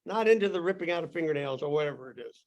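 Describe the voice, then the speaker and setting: A man's voice: a little high, animated, very fast, a little mellow, muffled recording. A man leading a Sunday school class in casual, rambling talk, joking and restarting his sentences. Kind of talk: casual Bible class teaching.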